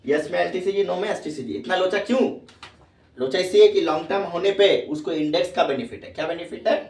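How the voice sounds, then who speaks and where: A man's voice: high-pitched, fast talker, gravelly, a little mellow. A man teaching tax to students, repeating questions to check they follow. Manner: repeats questions to students, calls them "babu". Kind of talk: classroom lecture. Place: classroom. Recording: echoey room, far from mic.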